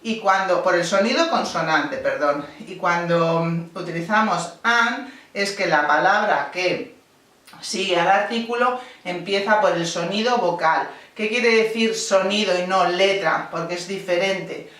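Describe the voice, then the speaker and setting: A woman's voice: on the low side, unhurried, a bit bright. A woman teaching a grammar lesson, explaining patiently step by step and correcting herself as she goes. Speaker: English teacher. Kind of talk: classroom-style grammar lesson. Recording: very echoey room, voice from a distance off the mic.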